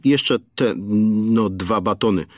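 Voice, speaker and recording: A hesitant young customer drags out his order with halting fillers. A man voices him slowly and a bit higher than his own voice, in a dry, close sound. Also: no room sound. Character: hesitant young male customer, rich man's son.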